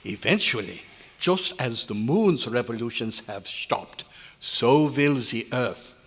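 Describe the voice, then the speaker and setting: Now the actor's cantankerous yet fond scientist turns to grave lecturing, still grumbling and exasperated with his odd, backwards foreign-sounding wording. The medium-pitched male voice is very animated yet slow, slightly rough and fully characterized. It's a live stage show of an old radio drama in an echoey hotel meeting room at a convention.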